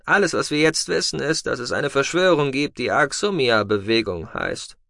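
A man voicing a brisk, pushy male starship captain who urges others on. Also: mid-range voice, animated, creaky, bright, forceful tone, dry recording, clean studio sound, pitched above the performer's own voice. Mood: urgent. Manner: brisk, urging.

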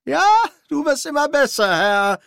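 A narrator putting on the voice of a fussy, servile old manservant in a radio play, talking high and quick. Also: male voice, gravelly, fairly bright tone, no echo, heavily acted. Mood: coaxing. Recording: dry studio recording.

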